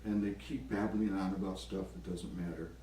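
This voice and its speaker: A man's voice: deep voice, fairly even intonation, moderate pace, warm tone. A man leading a prayer group, retelling a gospel story casually with chatty, wry asides. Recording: echoey room, far from mic.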